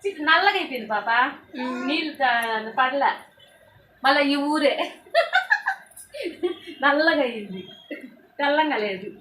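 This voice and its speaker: A woman's voice: sits high, lively intonation, normal speed, long pauses, bright, forceful tone. A middle-aged woman with a Nellore Telugu accent, a vlogger chatting at home in doting baby talk to a small child. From Andhra Pradesh, India. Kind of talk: casual family vlog chat. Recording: echoey room from a distance, background noise.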